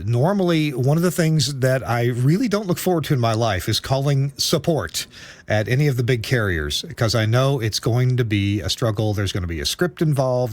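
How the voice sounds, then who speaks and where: Male host for technical interview, middle pitch, articulate and orderly, dry sound. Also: no echo. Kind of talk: measured conversational interview.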